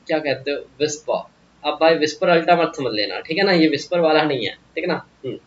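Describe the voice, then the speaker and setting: A man's voice: on the high side, lively intonation, fairly quick, highs cut off. A man teaching English vocabulary in a casual, joking way, often asking the viewer questions. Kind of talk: casual Hindi vocabulary lesson.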